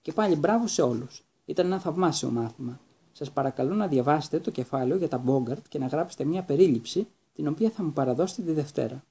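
A man's voice: a little high, animated, dark tone, husky. A man putting on a cheerful encouraging teacher. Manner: brisk, encouraging, calls out to pupils. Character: cheerful encouraging male teacher, middle-aged.

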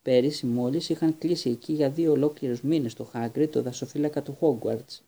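A man narrating an audiobook in a steady reading manner, with occasional small restarts. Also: medium pitch. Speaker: audiobook reader.

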